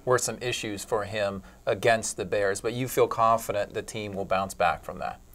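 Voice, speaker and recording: A man hosting a studio sports talk show, leading a guest through questions in a brisk interviewer manner. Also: fairly low pitch, steady tone, fairly bright tone. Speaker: show host.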